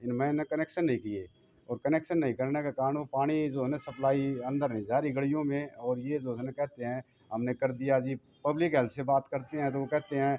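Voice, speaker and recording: Aggrieved local resident, slightly dull audio. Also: male voice, medium pitch, steady tone, brisk, slight background noise. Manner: aggrieved, insistent. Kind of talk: street interview complaint.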